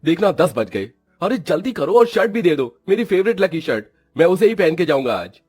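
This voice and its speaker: Impatient young husband in a storybook drama, always complaining, as a man acts him, husky highish voice, dry. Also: expressive, brisk, a little mellow, faint music behind.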